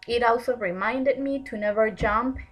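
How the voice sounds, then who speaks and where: Reading her prepared self-introduction is an earnest woman of about thirty, a Spanish-speaking graduate student from Mexico. Her slightly high voice has a fairly bright tone, and her delivery is measured, with many ums. The audio is poor, with slight background noise.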